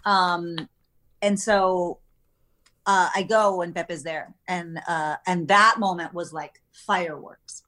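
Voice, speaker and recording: Woman telling a lively personal story. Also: lowish voice, takes it slowly. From United States. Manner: animated storytelling with acted-out quotes. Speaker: guest. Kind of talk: casual chat.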